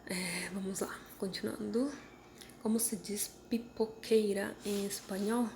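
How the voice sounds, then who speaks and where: A woman's voice: medium pitch, vocal fry, a little mellow, a little hiss or hum. A woman teaching vocabulary, asking herself each question and then answering it. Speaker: language teacher. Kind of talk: vocabulary lesson.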